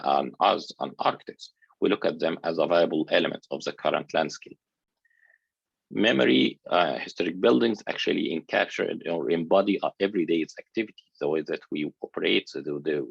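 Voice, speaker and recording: A man from Egypt, an architecture researcher, giving a conference lecture in an earnest, halting way with frequent restarts. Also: deep voice, gravelly, slightly rough, no echo, muffled recording.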